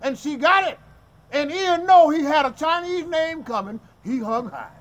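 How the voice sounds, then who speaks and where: A man's voice: very high voice, normal speed. An older man with a Southern US accent giving an impassioned, folksy outdoor speech and talking straight to the crowd. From Southern United States. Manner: animated, folksy, addresses the crowd directly. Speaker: speaker at a memorial event. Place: outdoors at a cemetery gathering.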